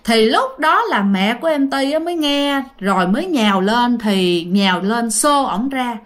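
With a Southern Vietnamese accent, a woman tells a ghost story in a chatty, casual way, speaking directly to her listeners. Her voice is on the high side, with lively intonation and an unhurried pace.

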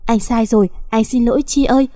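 A woman's voice: on the high side, steady tone, fairly quick, mellow, dry recording, clean studio sound, natural voice. Remorseful young husband, read by a woman. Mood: pleading.

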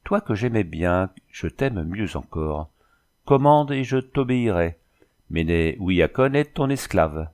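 A man reading the lines of a devoted young Native woman in a solemn, measured voice. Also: deep voice, lively intonation, a little mellow, full character voice.

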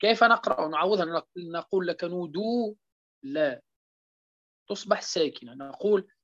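A woman's voice: deep voice, expressive, moderate pace, a bit bright, no room sound. A woman teaching a tajweed lesson, asking questions and answering them herself while repeating the key terms and checking that her students follow. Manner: checks understanding with frequent rhetorical prompts. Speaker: Quran recitation teacher. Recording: dull lo-fi dry recording.

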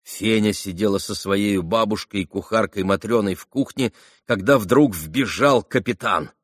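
A man narrating a classic novel as an audiobook, reading in an expressive, dramatic way. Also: lowish voice, normal speed, no echo, clean studio sound. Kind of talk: scripted narration.

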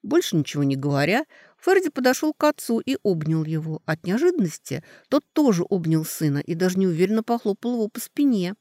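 A man narrating a novel as an expressive audiobook reading. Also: high-pitched, brisk, dry recording, studio quality.

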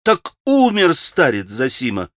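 A man's voice: fairly high pitch, huge pitch swings, measured pace, fairly bright tone, dry recording, pitched above the performer's own voice, exaggerated voice. A passionate young woman, impulsive and remorseful, her voice lifted well above a man's natural register, as a male audiobook reader performs her. She speaks with agitated emotion, each line close and dry with no room around it. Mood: shocked.

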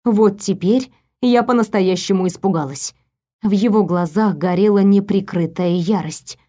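A woman narrating a first-person audiobook with lively storytelling, voicing the heroine herself. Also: medium pitch, normal speed.

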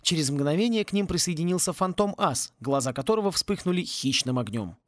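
A man narrating a humorous fantasy audiobook in a playful, lively manner on a close home mic. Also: a little high, brisk, no echo.

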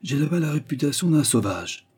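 A man's voice: a little high, sing-song, brisk, darkish tone, breathy edge, pitched above the performer's own voice, full character voice. A man voicing a polite, good-humored young man who answers with a smile in a storybook reading. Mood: reassuring. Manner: smiling, easygoing.

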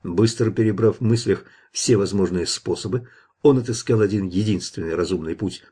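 A man reading a dark fantasy audiobook in measured, dramatic scripted narration. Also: lowish voice, husky.

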